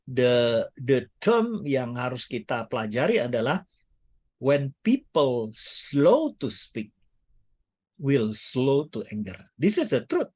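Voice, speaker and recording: Speaking slowly in a medium-pitched, darkish, slightly rough voice, a very animated guest preacher keeps his sermon chatty, teasing the audience and mixing in English. The setting is a church service or an online meeting.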